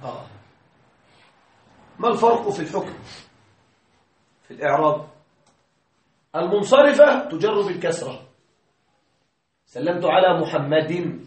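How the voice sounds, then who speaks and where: A male grammar teacher giving a classroom lesson, patiently explaining, quizzing his students and chanting quoted verses slowly. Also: high voice, animated. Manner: recites verses in slow measured chant. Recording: echoey classroom from far off.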